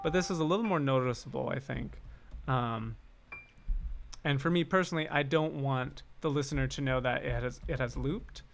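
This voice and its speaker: This composer hosts a livestream about writing game music, thinking aloud in a casual, chatty way and humming snatches of melody. His voice is mid-range with vocal fry, delivered at a moderate pace over slight background noise.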